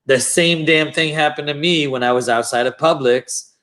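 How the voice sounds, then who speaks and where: A man's voice: fairly high pitch, normal speed, a bit bright. Blunt man chatting on a livestream. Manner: blunt, swears, retells stories with quoted voices. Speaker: livestream co-host. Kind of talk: casual group chat.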